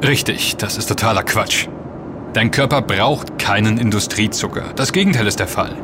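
A lowish male voice, natural and at a moderate pace, comes through a noisy background. The actor portrays an earnest man who knows his subject, explaining and urgently cautioning his friends in a scripted audio drama.

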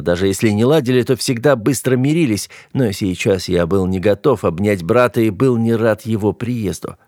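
A man's voice: lowish voice, darkish tone, no room sound, clean studio sound. A man reading a first-person audiobook with dramatic, tense delivery. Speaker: audiobook narrator.

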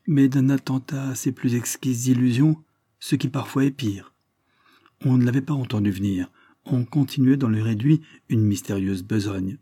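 A man's voice: on the low side, warm tone, no echo, studio quality. A man reading a novel aloud with theatrical, emphatic phrasing. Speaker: audiobook reader. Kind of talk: expressive novel narration.

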